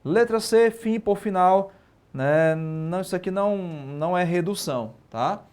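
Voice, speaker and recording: Lively Brazilian man teaching a class. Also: high voice, unhurried, clear, resonant tone. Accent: Brazilian Portuguese. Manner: lively, asks and answers own questions, frequent tag questions. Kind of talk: live online exam-prep lesson.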